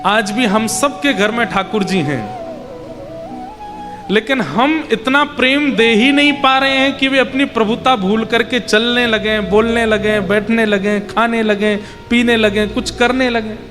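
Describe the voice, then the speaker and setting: Man preacher, high voice, devotional sermon in a reverberant hall with loud music underneath, expressive storytelling. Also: unhurried. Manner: acts out child and mother voices in the story, lively. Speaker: Bhagavat katha preacher.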